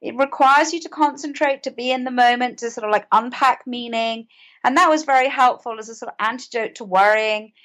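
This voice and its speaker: As a podcast guest, this author and mental health advocate from the United Kingdom speaks briskly in a slightly high, somewhat bright voice. Her British accent carries earnest, conversational talk with frequent word repetitions.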